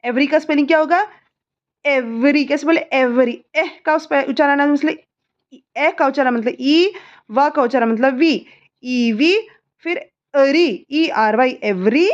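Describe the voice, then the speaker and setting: Indian mom going over homework, high voice, spells everything out, kinda muffled audio. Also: female voice. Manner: spells words letter by letter, repeats answers slowly. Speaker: mother tutoring her child. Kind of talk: homework lesson.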